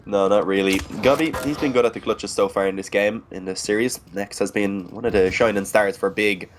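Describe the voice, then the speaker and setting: A man's voice: fairly low pitch, brisk, music in the background. A man working as an esports caster, giving live play-by-play commentary in long, running present-tense sentences.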